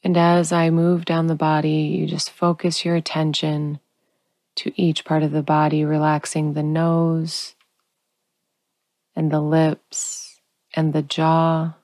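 A woman guiding a sleep meditation in a calm, soothing, unhurried sleep-story narrator manner, leaving long pauses. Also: sits low, dry recording. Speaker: guided relaxation narrator.

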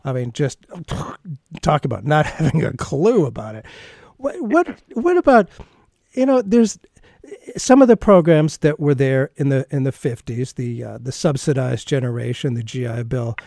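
A man's voice: mid-range voice, sing-song, moderate pace, vocal fry, darkish tone, no echo, clean studio sound. A man from the United States hosting a radio interview, asking questions with conversational, sarcastic asides. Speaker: radio host.

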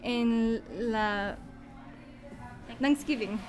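High-voiced American woman, halting Spanish. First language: English. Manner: hesitant, searching for words; giggly. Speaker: interviewer. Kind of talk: casual interview in halting beginner Spanish. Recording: music behind the voice.

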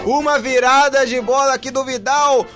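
Brazilian man exploding into high, shouted goal commentary. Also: steady tone, music in the background. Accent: Brazilian Portuguese. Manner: explosive, shouted goal calls with drawn-out words. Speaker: football play-by-play commentator. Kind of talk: live football commentary.

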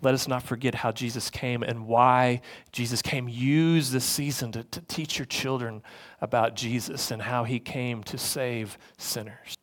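A man preaching a sermon from the pulpit, earnest and conversational. His voice sits at an ordinary middle pitch for a man, and his phrasing circles back on repeated words as he builds a point. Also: fairly even intonation, measured pace, a bit bright. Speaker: lead pastor.

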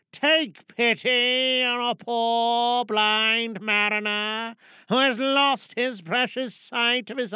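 A performer voicing an old blind male sailor who begs for help in a slow, pleading way, as an audio drama part. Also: mid-range voice, bright, forceful tone, clear, resonant tone, no echo. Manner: slow, pleading, drawn-out delivery.

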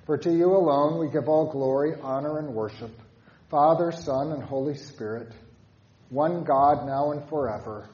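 A man leading congregational prayer as a pastor, solemnly, in measured phrases with pauses. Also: fairly high pitch, mellow, lo-fi sound.

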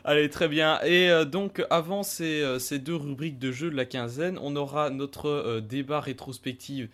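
A man's voice: on the high side, normal speed, a bit bright. A man hosting a casual retro gaming podcast discussion, talking with many hesitant fillers. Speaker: podcast host.

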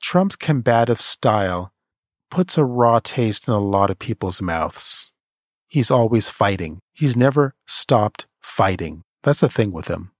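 Earnest man, low dry voice. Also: expressive, measured pace, no room sound. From Canada. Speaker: writer giving creative career advice. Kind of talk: motivational monologue.

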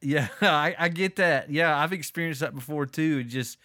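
A man's voice: a little high, normal speed, no room sound, studio quality. Man asking casual follow-up questions. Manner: brief reactions, relaxed follow-up questions. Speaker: podcast host. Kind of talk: casual interview chat.

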